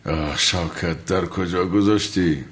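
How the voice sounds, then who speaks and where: A man doing a deep slow grumbling treasure hunter. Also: slight background noise, natural voice.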